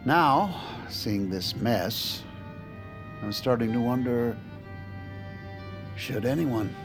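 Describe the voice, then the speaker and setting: An exasperated, weary Vice President in an audio drama. His mid-pitched voice is earnest and halting, with a slightly theatrical streak. Music sits behind him. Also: lively intonation. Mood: earnest, parting.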